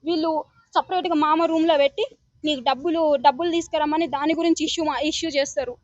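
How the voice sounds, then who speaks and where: A woman's voice: sits high, steady tone, fast talker, no echo, dull audio. A young woman gives an urgent, pleading account to a news reporter, often calling him sir. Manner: urgent, pleading, repeatedly addressing the listener as sir. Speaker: complainant interviewed by news reporter. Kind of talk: emotional testimony to a reporter.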